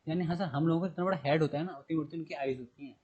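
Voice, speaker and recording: Husky Hindi-speaking man teaching a class. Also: fairly high pitch, racing, a little mellow, dull audio. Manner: repetitive, asks and answers own questions; spells words letter by letter. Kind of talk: recorded classroom lesson.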